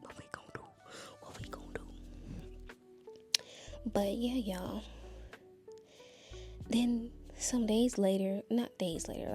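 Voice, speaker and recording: A young woman vlogger from Nashville, Tennessee tells viewers a personal story in a creaky, medium-pitched voice. She's chatty and confiding, calling out to her audience often and saying "y'all" again and again.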